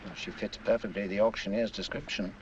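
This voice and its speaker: A watchful henchman, played by an actor on an old film soundtrack. His low voice comes from a distance, dull, with faint street and boat noise behind it. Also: fairly even intonation, a little fast, lightly acted.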